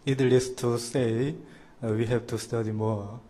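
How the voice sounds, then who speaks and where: A man's voice: mid-range voice, fairly even intonation, measured pace, warm tone, a little hiss or hum. A man from South Korea, a course participant, giving hesitant feedback with many fillers.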